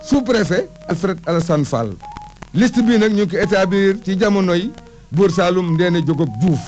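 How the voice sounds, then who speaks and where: A man with a high-sitting, somewhat dark voice recounts history and recites lists of names emphatically, like an oral historian in conversation. The audio is muffled and lo-fi, with music playing behind him.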